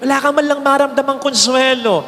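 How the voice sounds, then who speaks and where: High-voiced Filipino priest in an echoing church. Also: male voice, a little fast, slight background noise. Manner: animated storytelling, swinging from high exclaims to low hushed lines. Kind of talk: homily. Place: large church. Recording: long church reverb with faint ambience.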